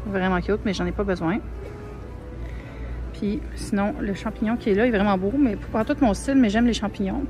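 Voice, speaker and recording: Strolling through a big grocery store, a young Québécois French-accented woman narrates casually to her handheld phone camera, sprinkling in fillers and soft asides. Her mid-range voice keeps a moderate pace, faint store music sits in the background, and the recording is low quality.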